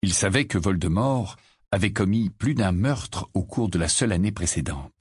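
A man reading a novel aloud as an audiobook narrator, with a measured, expressive delivery. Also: sits low, breathy edge, dry recording, studio quality. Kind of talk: scripted narration.

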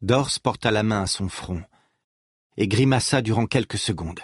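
A man narrating an audiobook in a steady, measured way. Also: lowish voice, breathy edge, no echo, clean studio sound. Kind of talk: audiobook reading.

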